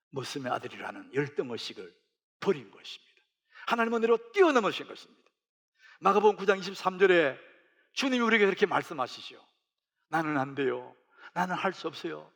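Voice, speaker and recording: Middle-aged male pastor, storytelling sermon, animated, higher-pitched delivery. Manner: storytelling with lively rising emphasis. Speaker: senior pastor.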